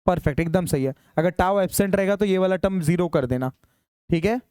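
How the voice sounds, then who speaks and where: Guy teaching engineering class, high smooth voice, dry sound, keeps telling students to hurry. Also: a little mellow, dry recording. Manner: urges students to hurry, dictates formulas slowly. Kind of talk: classroom lecture solving problems.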